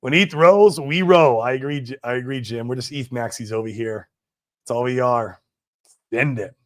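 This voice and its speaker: With a medium-pitched voice at a moderate pace, a man in his forties chats through viewer comments on a casual livestream. He broadcasts from home in Puerto Rico, and his laid-back, slangy talk is peppered with "man" and "dude."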